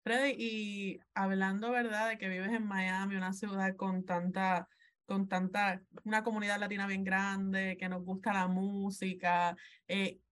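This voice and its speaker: A woman's voice: medium pitch, flat delivery. Puerto rican woman cohosting a podcast, friendly, easygoing. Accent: Puerto Rican Spanish. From Puerto Rico. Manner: friendly, quick to laugh along. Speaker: podcast co-host. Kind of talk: casual podcast interview.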